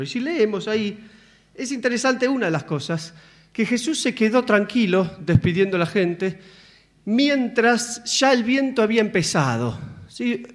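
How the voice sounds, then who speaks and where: A man delivers a sermon as if talking with friends. He slips in and out of the voices of biblical figures and keeps checking in with his listeners. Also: sits high. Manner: conversational, acts out biblical dialogue with frequent tag questions. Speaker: preacher.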